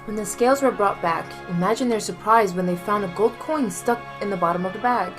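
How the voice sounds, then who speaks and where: A woman reading a folktale aloud in a measured, expressive storytelling manner. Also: mid-range voice, music in the background.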